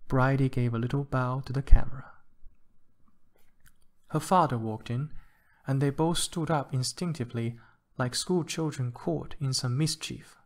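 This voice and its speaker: Slow, measured male story reader. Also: medium pitch, a little mellow. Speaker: narrator. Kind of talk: reading a short story aloud.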